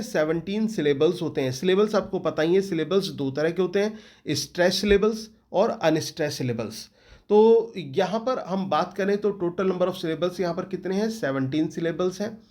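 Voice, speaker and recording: A man's voice: sits high, a little mellow. A man with an Indian accent who teaches English literature, giving an exam-prep lecture and often repeating questions back to his students.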